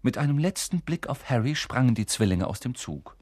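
Expressive male audiobook narrator. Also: medium pitch, a little fast. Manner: expressive storytelling. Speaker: audiobook reader. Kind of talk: scripted narration.

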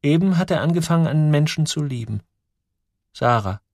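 Male audiobook narrator, animated delivery, dry close read. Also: fairly high pitch, brisk, vocal fry, dry recording. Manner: lively, dramatic storytelling with sudden drops and rises. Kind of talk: scripted narration.

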